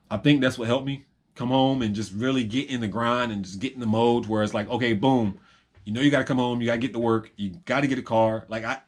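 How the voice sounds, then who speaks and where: A young man in a rambling, reflective personal monologue to camera, full of ums and repeated phrases. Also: mid-range voice. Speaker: vlogger.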